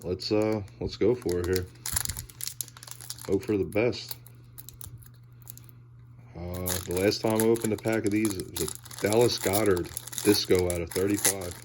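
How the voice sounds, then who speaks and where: A man giving casual, laid-back commentary as he opens card packs, halting and trailing off, with audible heavy breathing. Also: on the low side, steady tone, darkish tone, slight background noise. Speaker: host of a sports card pack-opening video.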